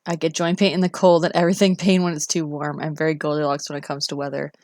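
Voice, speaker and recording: A woman's voice: deep voice, flat delivery, quick pace, darkish tone, no echo, clean studio sound. A Canadian woman live streamer chatting casually with her viewers, often interrupting herself and reacting expressively.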